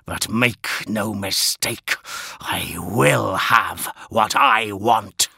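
A man's voice: fairly low pitch, extremely slow, creaky, pushed and bright, slightly rough, no room sound, clean studio sound, heavily acted. A man voicing a grandiose, decadent male demigod lord in an audiobook, declaiming like a heroic stage actor. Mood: bitter. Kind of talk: audiobook character voice.

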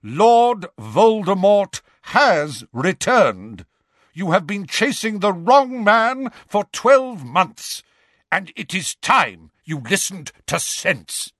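A wise old wizard headmaster speaks in a grave, unhurried, commanding voice, as a man puts him on. He weighs each word slowly, close and dry. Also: medium pitch, no room sound. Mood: thunderous. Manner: calm, measured and grave.

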